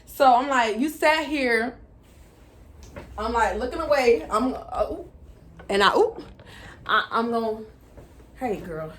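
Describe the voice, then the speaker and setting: A woman, telling an animated, profane storytime vlog and re-enacting her own dialogue. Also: a little high, unhurried, long pauses, slight background noise. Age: 20s. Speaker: vlogger.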